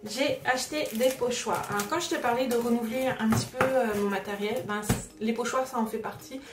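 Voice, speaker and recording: A woman with a slightly high voice talks fairly quickly while hosting an easygoing craft unboxing vlog, chatty and halting with plenty of filler sounds. She's far from the mic, the room echoes, and music plays in the background.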